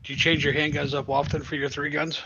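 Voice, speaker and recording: Male caller on a group call; gravelly, husky voice, flat delivery. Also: on the high side, fast talker, muffled recording. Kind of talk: casual group chat on a livestream.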